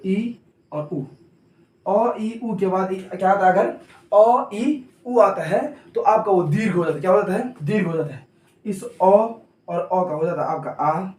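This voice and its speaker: A man's voice: high-pitched, darkish tone. A male coaching teacher giving a classroom grammar lesson, repeatedly asking a question and then answering it himself, and noting that he talks hurriedly. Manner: repetitive call-and-answer questioning. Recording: roomy echo, mic at a distance.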